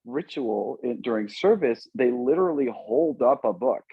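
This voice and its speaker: A man with a husky voice talks through ideas in a thoughtful, explanatory way on a podcast. The audio is slightly dull and lo-fi, and it sounds dry with no room echo. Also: medium pitch, expressive, normal speed. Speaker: podcast co-host. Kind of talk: casual podcast conversation.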